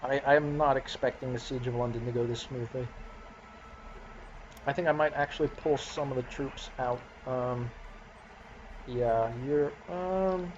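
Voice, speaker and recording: A man's voice: mid-range voice, unhurried, pauses often, lo-fi sound, a little hiss or hum. A man casually commentating his own strategy game session, chuckling and talking to his units as he plays. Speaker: gameplay commentator.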